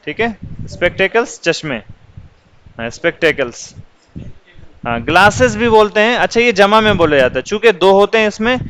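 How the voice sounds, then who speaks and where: A man's voice: high voice, expressive, pauses often, a bit bright, a little hiss or hum, poor audio. A male teacher patiently explaining English words for children, asking questions and answering them himself.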